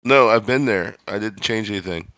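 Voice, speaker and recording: A man's voice: fairly low pitch, moderate pace, sharp tone, no room sound. A man playing in a tabletop game, talking in a rambling, unsure way. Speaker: player. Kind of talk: casual tabletop game chat.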